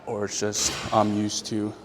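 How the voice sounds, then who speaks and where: A man's voice: lowish voice, measured pace, a crowd in the background. A man vlogging at the gym between sets, out of breath and talking to himself about his lifts. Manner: talks between sets, relaxed and self-talking. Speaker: fitness vlogger recovering from surgery. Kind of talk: casual gym vlog commentary. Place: gym, indoors. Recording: loud music behind. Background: loud gym music.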